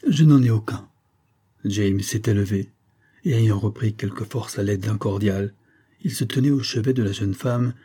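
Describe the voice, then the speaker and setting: A man reading a novel aloud as an audiobook narrator, measured and even. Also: on the low side, husky. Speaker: audiobook reader.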